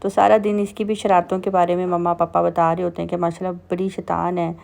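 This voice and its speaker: A woman's voice: lowish voice, level tone, fast, gravelly, darkish tone. Chatty Pakistani woman vlogging. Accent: Pakistani Urdu. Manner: chatty, filler-heavy storytelling. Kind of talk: casual vlog voice-over narration.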